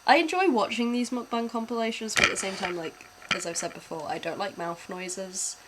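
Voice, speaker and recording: A young British woman chats casually as she reacts to videos on a stream, laughing a lot and swearing offhandedly. Her mid-range voice is brisk, and the audio is very noisy.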